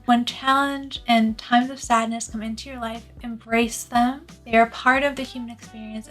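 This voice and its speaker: A woman's voice: fairly high pitch, a bit bright. A woman giving scripted personal development advice to viewers in an earnest, articulate productivity YouTuber style, stressing key words. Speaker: self-improvement YouTuber.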